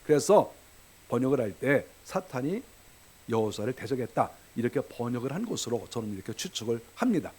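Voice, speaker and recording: A man preaching a sermon as pastor, animated, acting out quoted voices and swinging between loud and quiet. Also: mid-range voice, brisk, a little hiss or hum. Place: church sanctuary.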